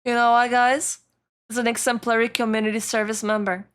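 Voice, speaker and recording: A woman's voice: fairly high pitch, flat delivery, fairly quick. A woman streamer giving casual live reaction commentary in a cute, playful anime-streamer manner.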